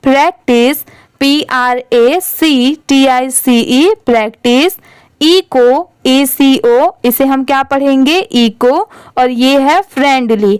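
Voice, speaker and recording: A high, very clear female voice, in a dry close recording. She teaches English reading at a very slow, patient pace, spelling every word letter by letter before reading it aloud and asking the learner how to read it. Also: no room sound. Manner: spells each word letter by letter, then reads it slowly; asks the learner rhetorical questions.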